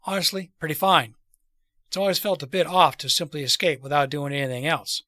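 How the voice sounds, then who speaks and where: A man's voice: fairly high pitch, steady tone, brisk, pushed and bright, no room sound, clean studio sound. A man reading a frank, resolute fugitive woman. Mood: calm resolve. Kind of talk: storybook character read aloud.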